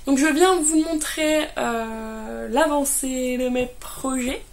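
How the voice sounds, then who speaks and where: A young woman chatting casually about her knitting, halting often with fillers and restarts, a little tired. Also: high voice, a little hiss or hum. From France. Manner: hesitant, many fillers and restarts. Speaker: knitting vlogger. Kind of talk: casual chat.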